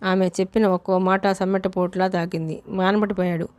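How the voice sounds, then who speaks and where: A woman narrating a novel as an audiobook in a steady, unhurried reading style. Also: mid-range voice, no echo.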